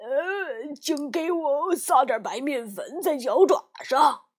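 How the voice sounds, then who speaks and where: A woman voicing a sly, hungry male wolf who pretends to be a mother goat, calling out loudly in a wheedling sing-song. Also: sits high, expressive, slow pace. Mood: demanding. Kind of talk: children's story reading.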